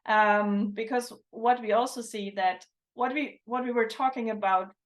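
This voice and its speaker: A woman's voice: on the high side, fairly even intonation, measured pace. A woman talking through a livestream panel discussion, thoughtful, often restarting her sentences. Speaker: livestream presenter. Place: online livestream, video call.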